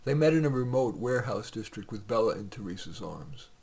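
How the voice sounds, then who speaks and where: A male author reading his short stories on a podcast, relaxed and conversational. His voice has a gravelly, husky grain, and he drops in the odd filler between lines. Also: lowish voice, brisk.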